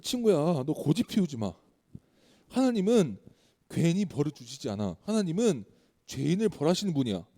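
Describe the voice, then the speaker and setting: Job's lecturing male friends, as a preacher puts them on insist he must repent. Their tone is warm and mellow. The voice echoes with a long church-hall reverb. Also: on the high side, big pitch swings, normal speed. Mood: insistent.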